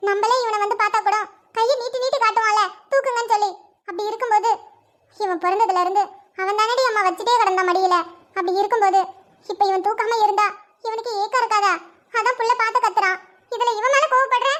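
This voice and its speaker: A fussing old grandmother in a cartoon, squeaky-high and sharp-edged. She rattles on quickly, coaxing and gently scolding the family in homely tones. The voice is strikingly shrill for an elder. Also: steady tone. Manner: pleading, chiding, rural Tamil grandmotherly speech. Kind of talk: animated cartoon voice acting.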